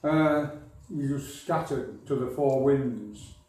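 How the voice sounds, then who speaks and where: A man's voice: medium pitch, slow, mellow. An older man from northern England, a local history speaker telling a society rambling, wry stories. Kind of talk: anecdotal talk to a society. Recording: echoey hall from far off.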